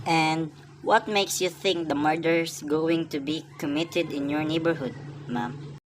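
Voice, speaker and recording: A woman's voice: low-pitched, steady tone, a little slow, background noise. A woman playing an unimpressed, patronizing city police officer in a radio play, placating and dismissive. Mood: skeptical, weary.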